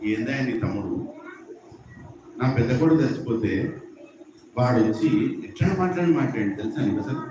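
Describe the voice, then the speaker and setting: A man voicing a grieving old father, complaining in a low aggrieved voice. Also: animated, fairly quick, long pauses, natural voice. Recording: echoey hall from afar, dull, noisy.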